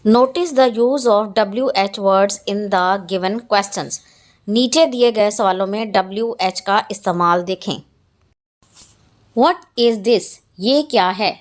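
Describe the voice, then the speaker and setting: A woman teaches a young pupils' lesson, reading sentences slowly and spelling words out letter by letter. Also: mid-range voice. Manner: reads English slowly, then explains quickly in Urdu. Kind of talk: exercise walkthrough for young pupils.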